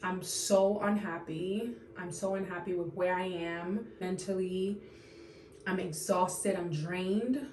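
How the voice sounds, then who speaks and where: Woman, 30s, low voice, close to tears, halting with many sighs, echoey room, faint hiss. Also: steady tone, darkish tone. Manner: tearful, halting, full of fillers and sighs. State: on the verge of tears. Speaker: vlogger. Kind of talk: unscripted emotional confession to camera.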